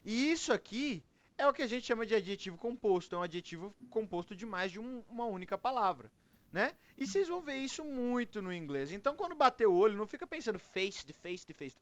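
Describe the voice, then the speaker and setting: A man's voice: high-pitched, lively intonation, quick pace, no room sound. A Brazilian man teaching English to a group in Portuguese, often checking in with "ok?" as he explains. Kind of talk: online English class.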